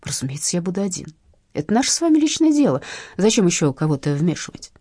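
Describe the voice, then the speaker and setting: A woman's voice: lowish voice, very animated, fast talker, dark tone, slightly rough, no echo, studio quality. A courtly old blackmailer, as a woman reader puts him on. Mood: smoothly menacing. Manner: ceremonious, politely menacing. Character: elderly courteous male blackmailer, smooth and sly. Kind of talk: audiobook narration.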